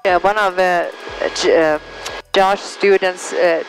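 A woman flight instructor in a small plane cockpit, calmly and encouragingly explaining each step to her student. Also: on the low side, takes it slowly, faint music behind, rough recording. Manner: calm, encouraging, explains patiently.

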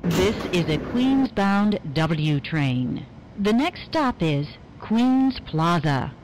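A woman giving a recorded next-stop announcement over a train's PA system, slow and deliberate. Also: fairly low pitch, very animated, darkish tone, slight background noise.

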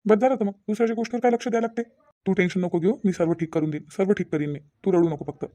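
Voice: mid-range voice, fairly even intonation, very fast, dark tone, close to an everyday voice. A voice actor playing a kindly, reassuring father figure in a cartoon, with a Vidarbha Marathi accent. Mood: soothing. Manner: reassuring, repetitive. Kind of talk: cartoon voice acting.

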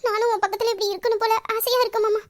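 A very high, sweet-voiced young wife in an audio drama, acted by a woman. She pouts and sulks, then soothes her husband in a gentle, devoted manner. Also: flat delivery, very fast. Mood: affectionate.

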